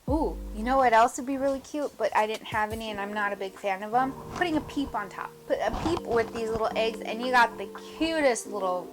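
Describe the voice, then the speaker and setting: A woman hosting a casual cooking demonstration, chatty and upbeat, often speaking straight to her viewers with questions. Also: mid-range voice. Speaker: cooking show host.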